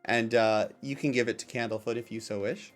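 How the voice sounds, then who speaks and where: Halting man improvising as game master. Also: medium pitch, steady tone, soft background music. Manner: halting, repeats phrases while improvising. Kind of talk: improvised tabletop game narration.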